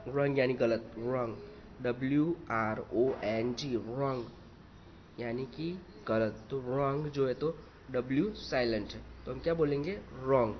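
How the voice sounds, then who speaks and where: A man walks through an English lesson at a very slow pace, spelling each word out letter by letter and repeating it. His voice sits at an ordinary pitch. The recording is dull and lo-fi, with a faint hiss underneath. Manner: spells words letter by letter, repeats, explains in Hindi. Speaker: English teacher.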